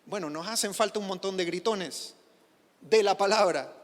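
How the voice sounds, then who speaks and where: A pastor preaching a sermon in a church, emphatic and repetitive, building phrases up into loud exclamations. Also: male voice, high voice, normal speed. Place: church sanctuary. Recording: echoey church hall.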